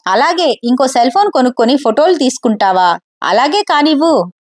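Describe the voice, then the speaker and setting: A woman's voice: sits high, lively intonation, normal speed. A woman voicing a stern woman lecturer in a storybook reading. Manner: stern, cold.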